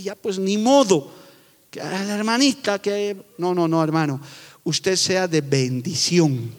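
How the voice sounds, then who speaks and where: A middle-aged man preaching fervently as a pastor, moving between loud proclamations and quiet, confiding asides. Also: high voice. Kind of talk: sermon. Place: church sanctuary with long reverb. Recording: echoey church hall.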